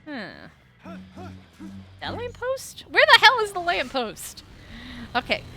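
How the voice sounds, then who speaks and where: Woman streamer yelling at chat mid-speedrun, high bright voice that jumps all over. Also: slow, a little hiss or hum. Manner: excitable, shifts between frantic yelling and deadpan mumbling.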